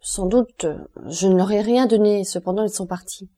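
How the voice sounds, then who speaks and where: A woman's voice: medium pitch, fairly even intonation, normal speed, warm tone, lightly acted. A woman voicing an impulsive, grieving young man in an audiobook, speaking in a raised, emotional, exclaiming way. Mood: ardent.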